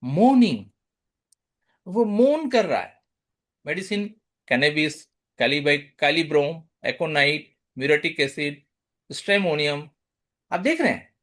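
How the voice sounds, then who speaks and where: Man, Indian English accent, lecturer, webinar over video call, slow delivery, lists remedy names one by one. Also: on the high side, expressive, a bit bright. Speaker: homeopathy lecturer.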